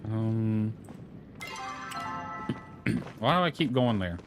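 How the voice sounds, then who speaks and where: His voice is fairly low, expressive, and prone to drawn-out words as this streamer plays, muttering to himself and reading the game's dialogue aloud in casual commentary. Music runs underneath.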